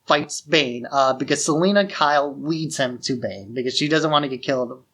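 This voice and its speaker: A podcast host recaps a film's plot casually, walking listeners through the story as if telling a friend. The voice is medium-pitched and a bit bright, at normal speed, with a conversational, explanatory delivery.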